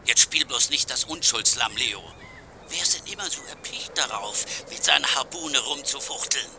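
An actor playing a scheming crook boss who speaks in a hushed, contemptuous way. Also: male voice, medium pitch, animated, normal speed, gravelly, background noise. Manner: contemptuous, insulting. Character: scheming adult male crook boss, sneering and cold.

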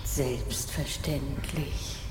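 A formal synthetic computer voice. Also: female voice, a bass voice, fairly even intonation, a little mellow, exaggerated voice. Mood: polite. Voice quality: measured, formal and clipped. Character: female AI computer interface, polite and formal. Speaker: talking AI system. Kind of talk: radio play acting. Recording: echoey hall with ambient noise.

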